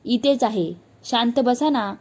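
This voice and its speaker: A woman's voice: on the high side, slow pace, darkish tone, pitched above the performer's own voice. A woman narrator voicing a frightened young wife who pleads through tears, in a storybook telling. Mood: frightened hush. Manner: pleading, tearful.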